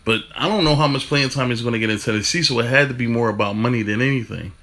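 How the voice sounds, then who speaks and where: A man talking fast in a casual football rant, stumbling over restarts and swearing casually. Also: medium pitch, fairly bright tone. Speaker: football fan commentator.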